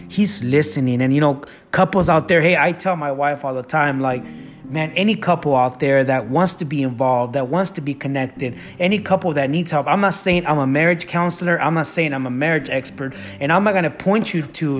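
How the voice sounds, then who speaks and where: A man co-hosting a casual talk with his wife about faith and marriage, halting with many fillers and restarts. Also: fairly high pitch. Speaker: podcast co-host.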